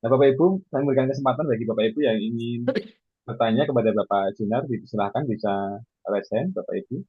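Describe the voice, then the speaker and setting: A man's voice: mid-range voice, fast, breathy edge, dry recording. A man moderating an online seminar. He thanks the speaker and invites questions in a polite, formal way. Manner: polite, formal, addresses audience as Bapak Ibu. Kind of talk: formal event hosting. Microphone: video call. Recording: tinny dry phone-like line.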